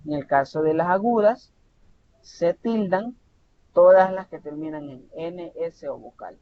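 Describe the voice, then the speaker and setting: A man from El Salvador gives an online tutoring lecture in a slightly high voice, explaining step by step and often checking with his listeners. The recording is dull and lo-fi, with a faint rumble behind him. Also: a little slow. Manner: explanatory, repeats and restarts words, says "¿verdad?" often.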